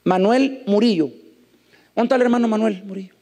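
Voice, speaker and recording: Speaking briskly in a high-pitched voice, a man preaches from a church stage with a big-room sound, trading jokes with the congregation. As guest preacher and singer, he holds a handheld mic through sung worship and then a sermon, with loud band music accompanying the songs.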